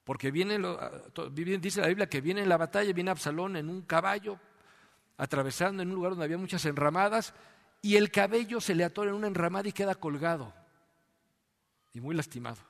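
Pastor preaching in echoing hall. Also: male voice, high voice, a little fast, vocal fry. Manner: animated storytelling, rhetorical questions. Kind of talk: sermon.

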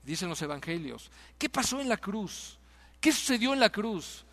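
High-pitched man preaching, emphatic, keeps repeating questions to the crowd, church hall with long reverb. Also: very animated, moderate pace, a bit bright. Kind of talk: sermon.

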